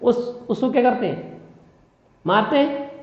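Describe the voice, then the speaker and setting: A man's voice: very high-pitched, animated, a little slow. A male physics teacher giving a classroom lecture, constantly asking questions and repeating key phrases. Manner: questioning, quizzes listeners constantly. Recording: dull, echoey room with long reverb.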